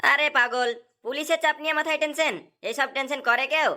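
A woman's voice: sits high, fairly even intonation, fairly quick, sharp tone. A woman voicing a brash young man, the chief's son, in a cartoon. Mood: pushy. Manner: brash and pushy.

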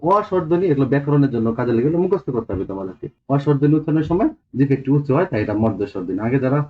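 A male teacher with a Bangladeshi accent walks students through a textbook lesson at a quick clip. He explains step by step and keeps prompting them to look. The recording is dull and lo-fi. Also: mid-range voice, big pitch swings. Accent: Bangladeshi Bengali.

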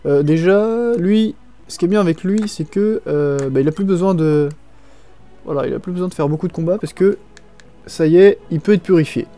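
A man's voice: high-pitched, normal speed, warm tone. A young man giving casual, joking gaming commentary, rambling and slangy as he plays and reads dialogue aloud. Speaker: video game let's player. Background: faint game music.

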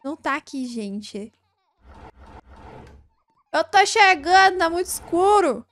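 A young woman doing casual let's-play commentary, laughing nervously and shouting when startled. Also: very high-pitched, very animated, takes it slowly. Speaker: gaming streamer.

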